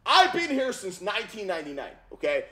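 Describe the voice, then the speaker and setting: Speaking briskly in a high register, a man in his thirties from Armenia runs a YouTube reaction segment about fight news. He's at home in a gaming room on a headset mic, sounding animated and slangy, looping back over points and peppering lines with "bro" and "okay?".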